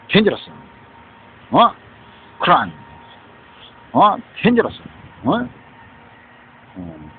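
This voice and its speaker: A man's voice: on the high side, a little hiss or hum. A man giving a rambling monologue, mixing in English words and often tossing in "huh?" and "right?". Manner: mixes English words into speech, keeps asking "huh?" and "right?". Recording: tinny phone-like sound.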